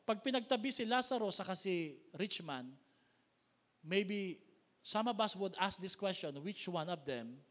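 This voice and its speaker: A Filipino man preaching a sermon as pastor, with big swings in pitch and loudness, recorded in a church hall. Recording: long hall reverb.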